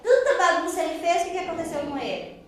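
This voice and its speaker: A woman's voice: very high voice, fast talker. A woman teaching preschool children, quizzing them on a story and sounding out syllables. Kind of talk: storytelling and phonics drill with children. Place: classroom. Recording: echoey classroom, far from mic, faint noise.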